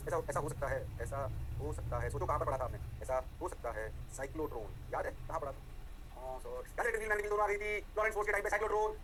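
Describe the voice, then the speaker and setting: Guy teaching physics super fast, highish voice, playful, always asking is it clear. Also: sharp tone. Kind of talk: classroom lecture.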